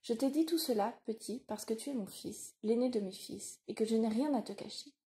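Woman reader voicing a middle-aged blacksmith father, solemn and tender, mellow tone, audiobook. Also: a little high, a little fast, natural voice. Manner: solemn, confiding. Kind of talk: audiobook reading.

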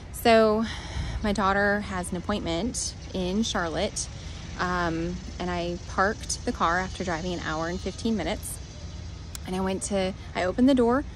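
Outdoors in a parking lot, a woman in her forties with a mid-range voice records a casual selfie vlog, holding the phone at arm's length. She sighs often while telling a rambling, flustered story, with slight noise in the background.

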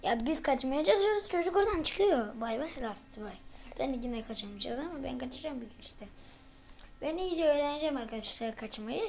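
A woman giving excitable let's play commentary, shouting and muttering at a horror game. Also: sits high, brisk. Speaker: gamer. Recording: noisy home recording.

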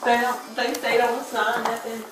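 A woman's voice: fairly high pitch, monotone, a little slow. A woman, rambling and pleading while being held by police. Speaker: person being arrested. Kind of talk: police custody recording. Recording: echoey room, distant mic, background noise.

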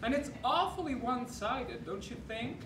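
A man's voice: very high voice, expressive, normal speed. An actor playing a pompous, condescending male lawyer on a theater stage, recorded from a distance in an echoey room. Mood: snooty. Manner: haughty, condescending. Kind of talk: stage musical acting. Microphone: far room mic. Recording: echoey noisy stage from far off.

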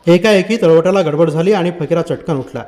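A man reads a novel aloud in a measured, literary way. His voice sits high for a man, and he paces the descriptive passages steadily. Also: a little mellow. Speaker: audiobook narrator. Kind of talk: scripted novel narration.

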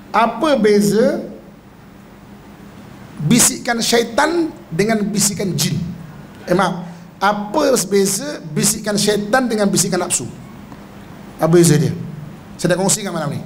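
A man's voice: sits high, a little hiss or hum. A Malaysian Malay man, a religious teacher, giving a humorous mosque lecture, keeping the congregation involved with frequent questions and acting out voices. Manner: playful, mimics whiny and scheming voices, engages audience with questions.

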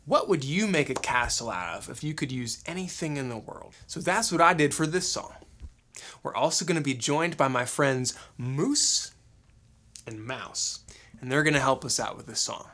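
In his thirties, a man hosts as a children's music teacher, speaking upbeat and encouragingly to young kids with simple phrases and questions. His medium-pitched voice is animated, bright and forceful, moving at a moderate pace.

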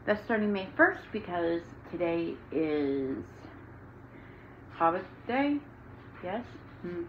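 A woman's voice: on the low side, expressive, unhurried, dull audio, slight background noise. A tired, out-of-breath young woman chatting casually to camera about her cross-stitch projects, rambling with many ums. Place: home room with windows open.

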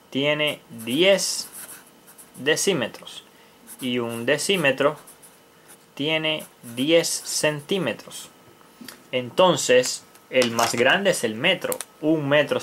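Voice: medium pitch, fairly bright tone, slight background noise. A teacher giving a math lesson to young children, patiently repeating key words and counting aloud while writing.

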